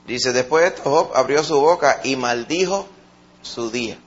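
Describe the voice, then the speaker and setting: A man with a Puerto Rican accent preaching a sermon, swinging between loud emphatic peaks and soft, low asides. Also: moderate pace, lo-fi sound.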